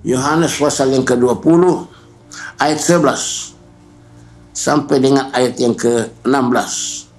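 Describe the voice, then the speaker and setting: A male pastor preaching a sermon, repeating key words and pausing for emphasis. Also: medium pitch, steady tone, reverberant, soft background music. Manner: preaching with repetition and emphatic pauses.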